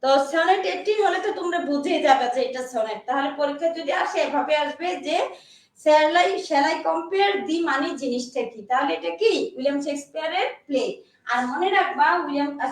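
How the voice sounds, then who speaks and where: A woman gives a classroom lecture on English literature in a very high voice. She explains step by step and keeps asking whether her students follow. She sounds far from the mic in a strongly echoing room. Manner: explains slowly, checks understanding with repeated questions.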